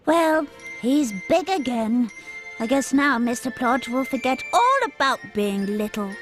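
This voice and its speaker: A woman's voice: sits high, lively intonation, unhurried, faint music behind. A woman voicing a kind, sympathetic little bug in a cartoon.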